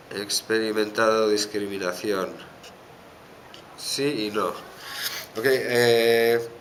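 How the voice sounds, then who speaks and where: A man from the Basque Country with a Basque Spanish accent, answering interview questions thoughtfully with many pauses and fillers. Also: fairly low pitch, fairly bright tone. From Basque Country, Spain. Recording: background noise.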